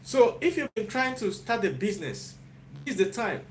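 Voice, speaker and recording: With a sing-song, high-pitched delivery at normal speed, this Nigerian-accented YouTuber and software developer spurs on his live-stream audience. He's motivational and repetitive, returning again and again to "you get?" A little hiss or hum can be heard.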